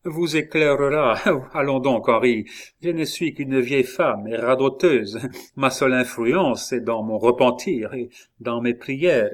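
A crafty, scornful old queen mother, voiced by a man reading aloud speaks cuttingly. When alarmed, her voice leaps up sharp and high. The reading moves slowly and deliberately, like a dramatized audiobook. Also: close to an everyday voice.

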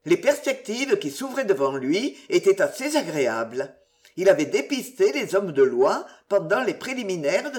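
An audiobook reader narrating a classic novel with expressive delivery. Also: mid-range voice. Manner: expressive reading with strongly varied intonation. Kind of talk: literary narration.

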